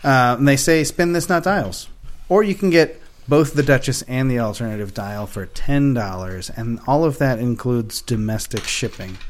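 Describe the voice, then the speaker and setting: A man's voice: medium pitch, moderate pace. Upbeat man plugging merch on a podcast. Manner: upbeat, reads out store plugs and prices. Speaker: podcast co-host. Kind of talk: casual group chat on a tabletop gaming podcast.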